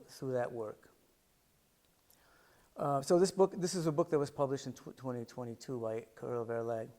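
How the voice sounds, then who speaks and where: A middle-aged man from the United States, with a mellow mid-range voice, gives an artist talk about his photographs at a library art center. Thoughtful and searching for words, he often starts over and uses fillers.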